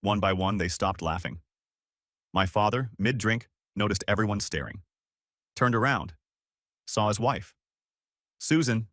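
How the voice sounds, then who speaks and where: A young man narrating a first-person story in an even, measured way. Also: lowish voice, no room sound, studio quality. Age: young adult.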